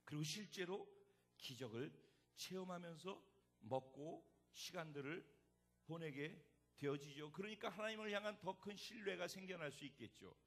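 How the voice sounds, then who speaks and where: A man preaching a sermon as pastor, dramatic and animated, acting out the voices in the story. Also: on the high side, moderate pace.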